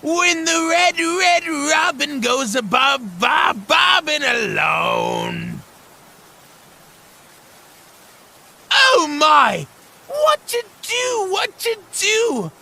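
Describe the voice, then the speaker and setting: A shrill, theatrical maniac villain. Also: male voice, big pitch swings, drawn-out words, vocal fry, sharp tone, raised voice, exaggerated voice. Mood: manic glee. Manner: theatrical, gloating, sing-song. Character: gleeful, theatrical maniac clown villain, male. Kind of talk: comic dub voice acting.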